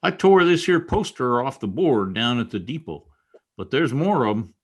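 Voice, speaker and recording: In a radio western, an actor plays a loyal, fretful Old West deputy with a folksy rural drawl and a deferential air. His mid-range male voice is husky and animated at a moderate pace, the mood folksy and hurried.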